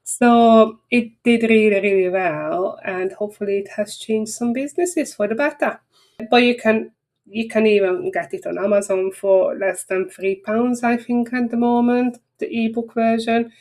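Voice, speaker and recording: A native Hungarian speaker with a Hungarian accent wraps up a marketing webinar in a chatty, rambling, frank way. Her voice is fairly high-pitched with a darkish tone and moves at a moderate pace.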